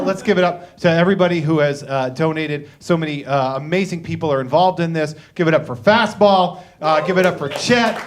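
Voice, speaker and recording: High-voiced Boston comic working a crowd. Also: male voice. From Boston, Massachusetts. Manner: energetic, loud, punchy crowd-hyping delivery. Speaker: comedian and show host. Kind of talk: stand-up comedy with crowd work. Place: living room concert before an audience. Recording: live show with audience laughter and crowd noise.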